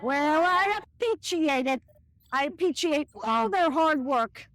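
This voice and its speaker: A woman's voice: high-pitched, slow pace, a bit bright, rough recording. A woman playing a peppy, wisecracking school lunch lady heroine in a hammy comic skit, full of exclamations. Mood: delighted. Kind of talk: live comic audiobook-style skit.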